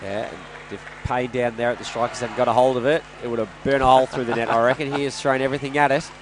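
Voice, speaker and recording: A man's voice: medium pitch, fairly even intonation, fast talker, a crowd in the background, noisy background. An Australian man commentating on sport in a jokey, self-deprecating way, with a blocked, nasal voice as if his nose is pinched by a cold. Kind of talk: live match commentary and banter. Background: indoor sports venue with games nearby.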